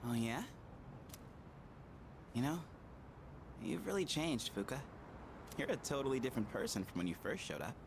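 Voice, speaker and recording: Lively, slangy anime boy voice. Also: mid-range voice, moderate pace, long pauses, background noise. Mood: casual, subdued. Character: casual, self-deprecating teenage schoolboy in anime game. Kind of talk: dubbed anime game dialogue.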